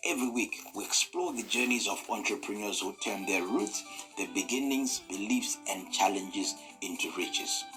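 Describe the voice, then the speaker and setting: A man reads a scripted show intro with polished, punchy emphasis in a bright, forceful tone. Light music plays under his voice. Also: lowish voice, moderate pace, low-quality recording. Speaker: show announcer. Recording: voice-over with music bed.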